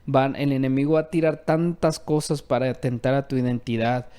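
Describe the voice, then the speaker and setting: Hombre de pódcast cristiano, fervoroso. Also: male voice, medium pitch, fairly even intonation, brisk, dark tone, smooth. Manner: affirming, fervent, repetitive emphasis. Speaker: co-host.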